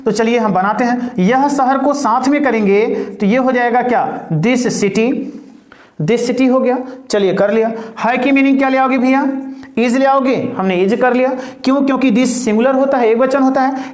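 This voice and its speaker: A male English teacher with an extremely high-pitched, darkish voice gives an online grammar lesson from an echoey room. He asks his students questions and answers them himself, calls his listeners dear and brother, and slows to a deliberate pace when dictating example sentences.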